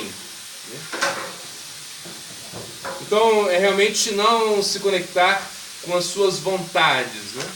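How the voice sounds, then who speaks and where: A man as swami giving an informal spiritual talk, conversational, asking the audience questions and acting out voices. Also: fairly high pitch. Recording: echoey room, mic far off, noisy.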